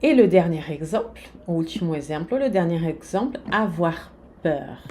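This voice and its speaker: A woman teaching a lesson, giving slow, carefully articulated pronunciation drills. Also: on the low side, lively intonation, dark tone, a little hiss or hum. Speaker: French teacher. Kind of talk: language lesson.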